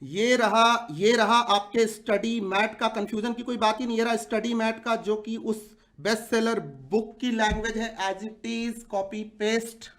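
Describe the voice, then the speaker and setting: A man's voice: high voice, fairly even intonation, a little slow, a bit bright. A man of forty, an exam-prep teacher, giving an impassioned video address to viewers, indignant and full of rhetorical questions. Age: 40s.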